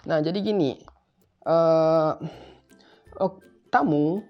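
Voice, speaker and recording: A man's voice: fairly high pitch, very slow. A young man, casually explaining job interview answers in a chatty, informal way. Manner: chatty, informal, keeps repeating a filler tag. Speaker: tutor for job interviews in Japan. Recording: slightly muffled, faint music behind.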